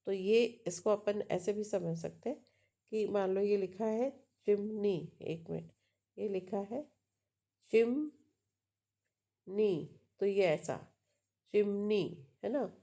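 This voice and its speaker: Woman teacher explaining phonology real slow, mellow voice, keeps repeating example words and checking if you got it. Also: mid-range voice, vocal fry. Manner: explains slowly, mixing Hindi and English, checks in with "है ना?". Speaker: English teacher. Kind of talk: lecture on phonology.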